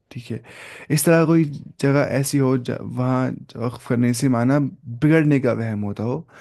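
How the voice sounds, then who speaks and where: A man explains recitation rules to his students. His dark, gravelly voice sits at an ordinary pitch. He comes back to each point more than once and mixes in the odd English word. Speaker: Quran recitation teacher. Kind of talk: explanatory lesson.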